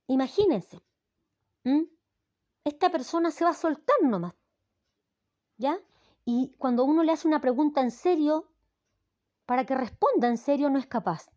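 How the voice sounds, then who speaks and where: A woman's voice: high voice, a little mellow, dry recording. A middle-aged Chilean woman explaining a language lesson, checking in often with her students. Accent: Chilean Spanish. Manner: explanatory, with frequent "¿ya?" check-ins. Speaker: language teacher. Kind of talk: recorded lesson.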